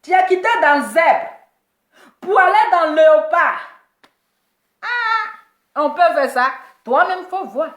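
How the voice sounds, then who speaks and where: A woman's voice: very high voice, expressive, takes it slowly, pauses often, fairly bright tone, reverberant. A woman giving mocking gossip commentary, teasing and laughing as she repeats her jabs. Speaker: commentator reacting to celebrity gossip.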